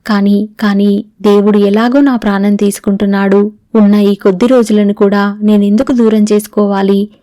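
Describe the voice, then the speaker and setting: A woman's voice: medium pitch, little pitch movement, moderate pace, dark tone, no room sound, clean studio sound, close to an everyday voice. A woman reading the diary of a young woman facing terminal illness, written to her father, in an audiobook. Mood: sorrowful.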